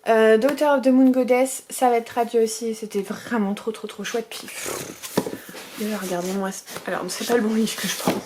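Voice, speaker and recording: A woman's voice: a little high, fairly even intonation, moderate pace, noisy background. A woman in her thirties chatting casually as a book vlogger, gushing and rambling with fillers and restarts. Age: 30s. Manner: chatty and gushing, piles up superlatives. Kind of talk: casual bookshelf tour chat.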